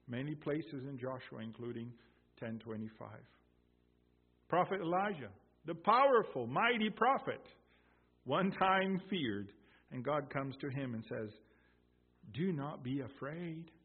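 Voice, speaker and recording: Slow husky preacher, tinny sound. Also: male voice, medium pitch, expressive. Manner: emphatic, swelling loud on key phrases, quotes scripture slowly. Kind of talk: sermon.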